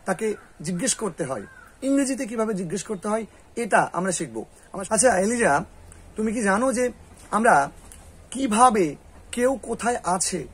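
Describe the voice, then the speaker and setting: A man with a Bengali accent teaching spoken English, quizzing a student patiently and repeating phrases slowly. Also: sits high, slight background noise. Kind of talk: classroom lesson.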